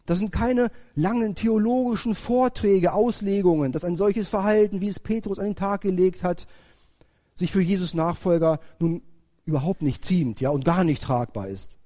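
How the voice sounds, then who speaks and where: A man's voice: fairly high pitch, dark tone. Man preaching in a reverberant church. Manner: reads scripture slowly, then preaches with rising emphasis. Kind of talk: sermon. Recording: long reverb of a church hall.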